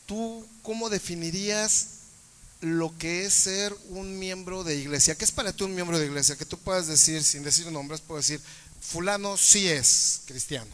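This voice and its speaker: A man's voice: high-pitched, moderate pace, pushed and bright, in a large hall. A man moderating a church panel discussion, conversational and often ending points with tag questions.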